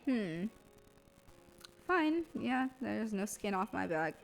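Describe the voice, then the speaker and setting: A woman's voice: mid-range voice, very animated, takes it slowly, gravelly, exaggerated voice, poor audio. A woman voicing a young male defense lawyer in her own voice, reading game narration in a dry, wry manner. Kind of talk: reading game dialogue aloud.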